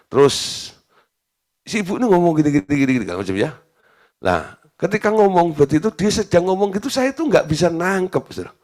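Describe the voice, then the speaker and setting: A man's voice: lowish voice, a little mellow. A male pastor giving a sermon in a chatty, storytelling way, laughing now and then. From Indonesia.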